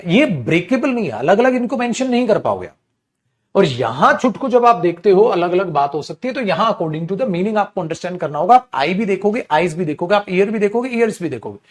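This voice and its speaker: A man teaching English grammar in an online class, calling students "beta" and repeating key terms, acting out little scenes with students and their mothers. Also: sits high. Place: streaming class, checking live comments.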